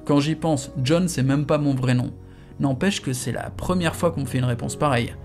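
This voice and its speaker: A man's voice: medium pitch, moderate pace, a little mellow, faint music behind. Man reading a casual first-person novel. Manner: casual slangy storytelling. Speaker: audiobook reader.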